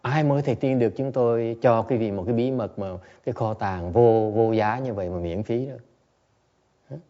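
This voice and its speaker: A man's voice: mid-range voice, moderate pace, highs cut off. A man teaching Zen meditation in a dharma talk at a temple, repeating each point in two languages with chuckling asides. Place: temple Buddha hall.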